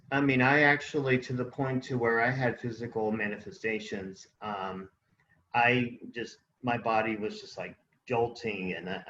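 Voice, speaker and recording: A man's voice: mid-range voice, fairly bright tone, reverberant, dull audio, a little hiss or hum. A man co-hosting a casual spiritual conversation, rambling and searching for words with many fillers. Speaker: podcast co-host.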